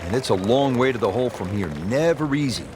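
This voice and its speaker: A man playing an upbeat golf commentator in a video game, calling play in a measured, polished sportscaster delivery. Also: mid-range voice, lively intonation, background noise, close to an everyday voice. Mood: measured, approving. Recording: very loud crowd ambience behind the voice.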